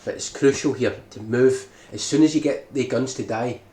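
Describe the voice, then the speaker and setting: A man's voice: mid-range voice, moderate pace, warm tone. A man narrating a game tutorial, walking through a speedrun strategy and often checking in with "right?". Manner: explanatory, keeps checking in with "right?". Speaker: speedrun guide maker. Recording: echoey room with background noise.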